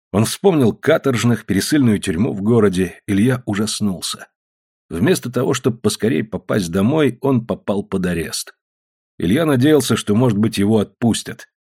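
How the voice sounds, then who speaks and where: A man narrating an audiobook in a measured storytelling manner. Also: lowish voice, darkish tone, husky. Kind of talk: scripted narration.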